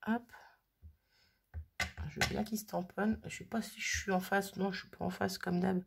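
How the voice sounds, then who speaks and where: A woman's voice: medium pitch, steady tone, normal speed, gravelly, breathy edge. A woman casually thinking aloud as she works on a craft project, chatting and muttering to herself at her worktable. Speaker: crafting vlogger.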